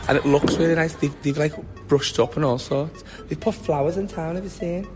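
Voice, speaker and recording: A man's voice: fairly high pitch, fairly quick, over music. An enthusiastic man, chatting about his city as a Eurovision fan.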